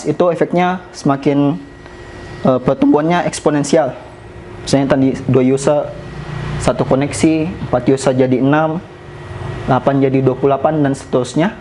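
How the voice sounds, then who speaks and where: A man presenting slides at a company sharing session in a casual, relaxed way, often pausing on "eh" and mixing in English business terms. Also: medium pitch, a little hiss or hum, low-quality recording.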